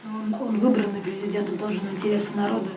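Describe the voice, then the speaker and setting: A woman's voice: medium pitch, flat delivery, fast, mellow, roomy sound, slight background noise. A woman interviewer asking questions in a conversational way.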